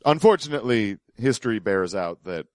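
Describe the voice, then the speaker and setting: A man's voice: fairly low pitch, expressive, brisk, no echo. Man co-hosting, dry close sound. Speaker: podcast co-host. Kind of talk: casual comedic commentary.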